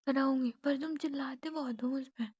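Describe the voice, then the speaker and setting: A young woman on an intimate phone call with her husband, teasing him softly and often half whispering. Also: sits high, fairly even intonation, normal speed, no room sound. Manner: soft-spoken, teasing, often near a whisper. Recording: muffled phone call recording.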